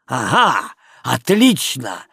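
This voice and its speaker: A man's voice: medium pitch, wildly swooping pitch, very slow, vocal fry, sharp tone, husky, no room sound, studio quality, full character voice. A man voicing a theatrical wandering singer who declaims grandly and stresses each syllable. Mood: grandly indignant.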